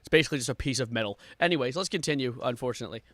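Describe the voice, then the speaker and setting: A man reacts on a live stream, complaining in an exasperated, sarcastic way and swinging between muttering and louder outbursts. His mid-range voice races along.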